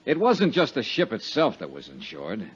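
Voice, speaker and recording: An American man plays a hard-boiled, brooding, self-assured insurance investigator in a 1950s radio detective drama, sounding insistent. His fairly low, husky voice swings hugely in pitch at a moderate pace and is heavily acted. The old recording sounds dull and muffled.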